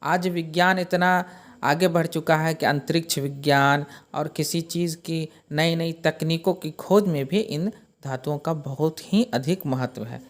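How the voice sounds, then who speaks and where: A man's voice: on the high side, measured pace. A male teacher giving a chemistry lesson, explaining step by step and often rephrasing his points. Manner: explanatory, repeats and rephrases points, occasional fillers.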